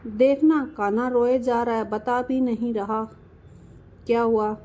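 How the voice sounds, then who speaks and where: A woman's voice: fairly high pitch, fairly even intonation, unhurried, warm tone, lightly acted. Woman doing a shrewd old village grandmother. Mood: probing.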